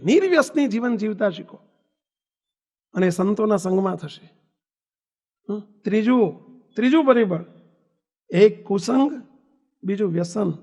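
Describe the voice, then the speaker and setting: Guy with a gujarati accent preaching in a big hall, fairly high voice, long echo, dull sound. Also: darkish tone. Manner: preachy, asks the audience questions, tells anecdotes. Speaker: swami giving a discourse to youth. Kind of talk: sermon. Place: hall at a religious gathering. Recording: dull reverberant hall recording.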